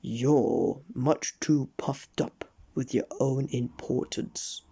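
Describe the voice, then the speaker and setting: A man voicing a stern goblin king in a children's storybook, speaking in a deliberate, regal manner. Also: medium pitch, creaky, dark tone, slightly rough, heavily acted. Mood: stern, knowing.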